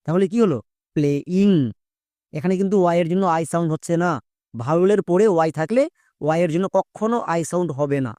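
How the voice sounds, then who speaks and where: An English pronunciation teacher giving a spoken spelling lesson, breaking words into sounds step by step and pausing for quick check-in questions. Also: medium pitch, darkish tone, no room sound, studio quality. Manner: repetitive, patient explaining.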